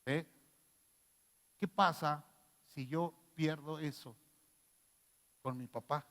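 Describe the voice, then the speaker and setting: Brief: Mexican male pastor, high-pitched, animated sermon, reverberant hall. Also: slow. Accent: Mexican Spanish. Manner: animated, rhetorical questions to the congregation. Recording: long reverb in a church hall.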